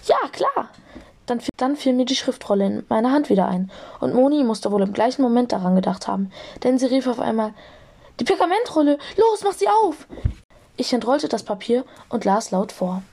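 Young woman reading fan fiction aloud, kinda high voice, soft and mellow tone. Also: brisk, gravelly, hardly any pauses, slightly rough. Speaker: narrator.

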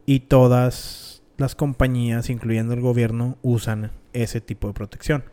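A man with a Mexican accent and a smooth, clear voice at a medium pitch co-hosts a podcast. He tells stories casually and slangily, stretching them out with halting pauses. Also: flat delivery, warm tone. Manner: halting, slangy, drawn-out storytelling. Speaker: podcast co-host. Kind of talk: casual conspiracy storytelling.

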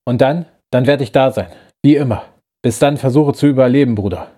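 A man's voice: mid-range voice, a little fast, dark tone, natural voice. A man voicing a bitter rebel who betrayed his old friend, talking in an urgent, reproachful way in a science-fiction audiobook. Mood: hurried. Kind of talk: audiobook character voice.

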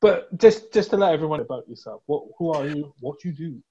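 A man's voice: fairly high pitch, lively intonation, fast talker, warm tone, lo-fi sound. A man from England hosting a podcast in casual chat, jokey and rambling, laughing at his own jokes. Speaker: podcast host.

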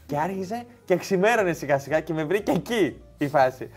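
Man, casual storytelling, animated, slightly high voice, faint music behind. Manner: animated, laughing storyteller, repeats "ρε φίλε".

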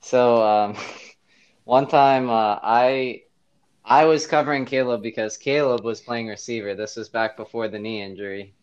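A man's voice: medium pitch, fairly even intonation, moderate pace, clear, resonant tone, highs cut off. A young man co-hosting a podcast, an easygoing storyteller who chuckles mid-sentence while recalling things with friends. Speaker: podcast co-host. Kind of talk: casual chat among old friends.

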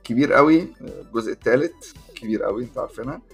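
A man's voice: mid-range voice, very fast, a bit bright, slightly rough, faint music behind. A man with an Egyptian Arabic accent, chatting casually as a podcast co-host with a friend. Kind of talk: casual chat between friends.

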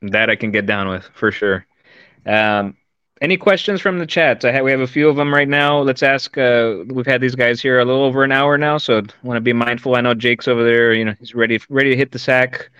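Laid-back male podcast host, smooth voice. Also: medium pitch, a little fast, fairly bright tone, no echo. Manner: laid-back, friendly "man" and "dude". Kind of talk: casual interview chat. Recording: dry, slightly dull mic sound.

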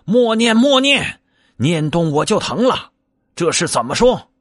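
A cocky, hot-tempered male monkey from a storybook, whose voice leaps up into shrill yelps when he is hurt, as a man acts him out. His lines swoop widely and sound husky and dry. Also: sing-song, unhurried, no echo. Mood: howling in pain. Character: brash quick-tempered monkey disciple, male.

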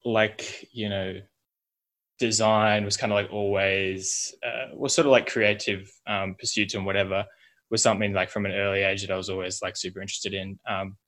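A young man with an Australian accent and a fairly low voice. He chats informally as a guest, circling through his thoughts in a loose, rambling way with lots of kindas and whatnots. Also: level tone, moderate pace, a bit bright. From Melbourne, Australia. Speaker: podcast guest, logo and brand designer. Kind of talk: casual interview chat.

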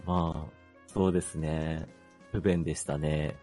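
A man's voice: extremely low pitch, little pitch movement, unhurried, mellow, faint music behind. A man chatting casually about his own life as a panelist, polite and a little hesitant, thinking aloud. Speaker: panelist on a hobby talk show.

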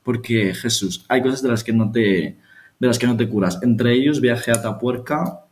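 A man's voice: medium pitch, normal speed, a little hiss or hum. Young man in teasing banter. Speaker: podcast co-host. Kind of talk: casual chat.

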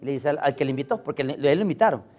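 Salvadoran pastor preaching with animated storytelling. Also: male voice, fairly high pitch, rapid-fire. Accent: Salvadoran Spanish. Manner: storytelling, acting out dialogue, frequent "hermano" and "¿va?". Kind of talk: sermon.

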